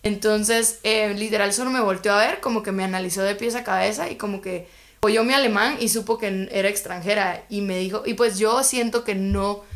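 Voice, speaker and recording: A woman's voice: mid-range voice, steady tone, fairly quick. A young woman from Guatemala, a podcast guest telling stories in a rambling, chatty way full of filler words. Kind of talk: casual interview chat.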